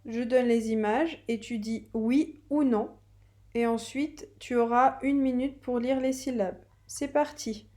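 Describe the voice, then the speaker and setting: A woman's voice: a little high, fairly even intonation, takes it slowly, darkish tone. A woman teaching a reading lesson to young children, patiently spelling out sounds.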